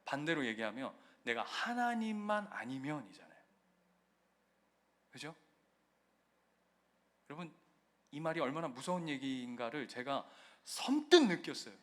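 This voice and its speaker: A male pastor preaching a sermon, moving between loud emphasis and quiet storytelling. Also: a little high, sing-song, measured pace, long pauses.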